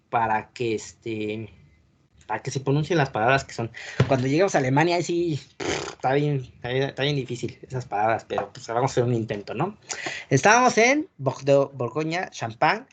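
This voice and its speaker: A man's voice: mid-range voice, noisy background. A man with a Mexican Spanish accent lecturing a class as a teacher, explaining step by step and often checking whether the students are following. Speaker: wine course teacher.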